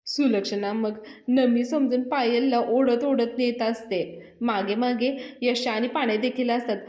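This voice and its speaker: A woman recaps a television serial, telling the story with lively energy. Her voice sits fairly high. It carries a roomy echo. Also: unhurried. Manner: lively retelling, acting out the characters.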